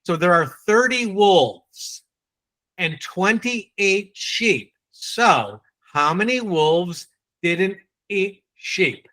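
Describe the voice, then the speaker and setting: A man with a New England accent runs a live online sales training, briskly quizzing and teasing his audience. His voice sits high, animated and sharp in tone.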